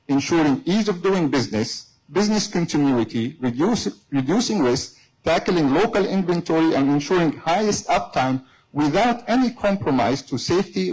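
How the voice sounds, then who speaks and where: A man delivering a formal prepared speech as a company representative, with deliberate, halting phrasing and non-native grammar. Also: a little high, a little mellow, slightly rough, rough recording.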